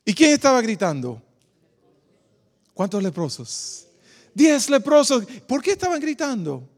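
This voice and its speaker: Brief: male pastor, very high voice, preacherly, quizzes the flock, long church echo. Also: big pitch swings, a little slow. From Dominican Republic. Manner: preacherly, asks the congregation questions, calls them "queridos". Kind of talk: sermon.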